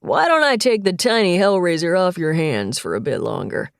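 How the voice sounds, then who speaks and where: A woman's voice: fairly low pitch, sing-song, moderate pace, vocal fry, dry recording, clean studio sound. A woman voicing a cheerful older grandfather calling out to his family in an audiobook. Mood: jovial.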